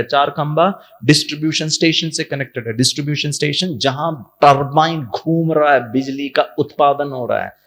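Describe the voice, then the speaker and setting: A man giving a spiritual class in a hall, telling stories and acting out the characters in them. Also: a little high. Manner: animated storytelling, acts out the characters. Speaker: spiritual teacher.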